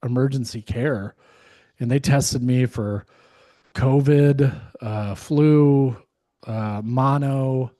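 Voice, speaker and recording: A podcast co-host with a mid-range, warm voice that is hoarse and going out talks slowly in a casual, rambling chat, with many fillers and restarts. The recording is dry.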